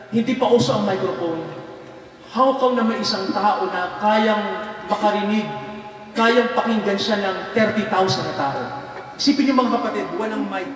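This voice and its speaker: High-voiced Filipino pastor in an echoey hall. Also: male voice, fairly bright tone, a little hiss or hum. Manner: preaching with frequent "no?" and "Amen po?" to the congregation. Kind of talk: sermon in Taglish with prayer. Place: church hall. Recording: echoey hall heard from far off.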